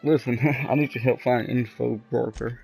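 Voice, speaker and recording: A man gives casual let's play commentary and reads out dialogue choices. His voice has plenty of fry at a middling pitch, with faint music behind him. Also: fairly even intonation, normal speed, darkish tone, low-quality recording.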